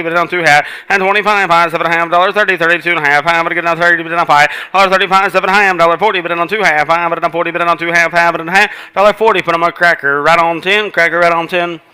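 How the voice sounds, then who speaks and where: A man auctioneer rattles off bids in a rolling, rhythmic chant, repeating numbers at a rapid clip. His voice is bright and crisp, sitting a little high, and his pitch stays flat and level throughout the chant. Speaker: livestock auctioneer.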